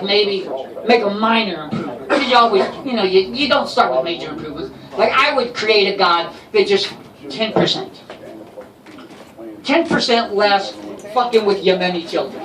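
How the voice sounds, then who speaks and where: Man, stand-up comic, profane rambling, roomy far-off live sound, audience noise. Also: sits high. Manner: rambling, profane, self-mocking. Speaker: stand-up comedian. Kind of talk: stand-up set. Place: comedy open mic in a garage.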